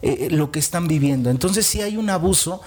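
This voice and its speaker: A man with a Mexican accent hosting a conversational talk show, lively and acting out quoted voices, with fillers. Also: fairly high pitch, brisk, breathy edge. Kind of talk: conversational interview.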